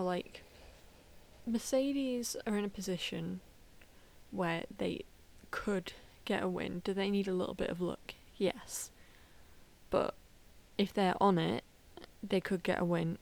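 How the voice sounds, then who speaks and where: A woman's voice: mid-range voice, slow, vocal fry, a little mellow. A woman co-hosting a chatty podcast, laughing often and trailing off mid-sentence. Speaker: podcast co-host. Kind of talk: casual chat.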